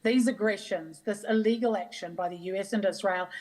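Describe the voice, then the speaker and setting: A woman with a New Zealand accent gives an earnest, rousing political speech as a union leader, phrasing her points deliberately. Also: medium pitch, a little mellow. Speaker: trade union leader, rally speaker.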